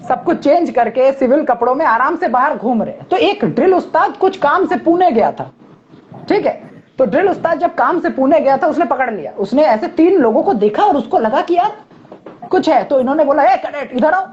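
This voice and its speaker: A man with a high voice hosts a casual chat. He tells an anecdote with energy and acts out each quote. The sound is dull and lo-fi. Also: expressive, moderate pace. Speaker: host.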